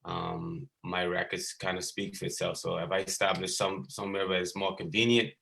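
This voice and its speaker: This Bahamian man in his thirties coaches basketball skills and speaks haltingly and casually over video call, with frequent ums and restarts. His low, creaky voice barely moves in pitch and sounds pushed and bright.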